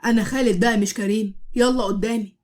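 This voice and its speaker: This is a joking, protective young brother with an Egyptian accent, as a woman reads him in a cartoon story. He ribs his friend and bosses him around in a quick, slightly high voice. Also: fairly even intonation, a little mellow, close to an everyday voice. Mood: teasing. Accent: Egyptian Arabic. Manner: joking, bossy banter. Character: young man, teasing protective older brother.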